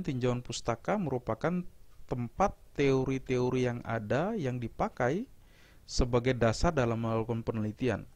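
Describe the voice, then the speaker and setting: Man giving a measured lecture, dry sound. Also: medium pitch, a little mellow, no echo. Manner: measured, explanatory, with occasional fillers and restarts. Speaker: university lecturer. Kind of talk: recorded online lecture.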